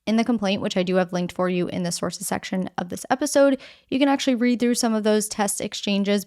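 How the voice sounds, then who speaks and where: A woman hosts a news podcast with a plainspoken, conversational delivery. She sets out each story directly and walks through it step by step. Her voice sits in an ordinary middle pitch. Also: darkish tone.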